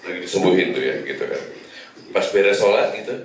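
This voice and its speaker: A man with a low voice that swings widely as he laughs and mimics kids. He is heard from a distance in a strongly echoing room, with a clear noise beneath. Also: expressive, brisk. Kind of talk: casual talk show chat.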